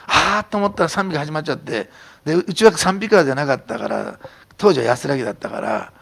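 A man preaching a sermon as a pastor, telling stories in an animated way and sometimes dropping to a whisper. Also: fairly high pitch, quick pace, gravelly. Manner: animated storytelling, drops to a whisper at times.

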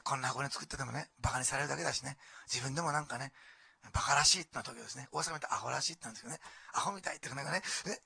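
A man with an Osaka accent preaches a sermon in a high, bright, gravelly voice at a quick clip. He drops to near-whispers and then rises to loud exclamations, peppering his talk with rhetorical questions. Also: no room sound. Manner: dramatic, swinging from hushed whispers to loud exclamations. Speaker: pastor.

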